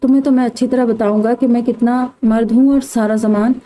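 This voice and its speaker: A woman's voice: on the high side, fairly even intonation, fairly quick, dark tone, a little hiss or hum, natural voice. A woman doing a rude, hot-tempered young man. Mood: angry. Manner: angry, clipped.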